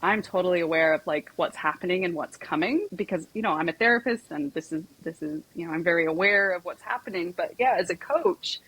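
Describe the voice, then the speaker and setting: Husky-voiced woman telling stories. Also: fairly low pitch, lively intonation, fairly quick, few pauses, fairly bright tone, low-quality recording. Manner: chatty storytelling full of "like" and "you know". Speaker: psychotherapist and equine coach guest. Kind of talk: casual podcast conversation.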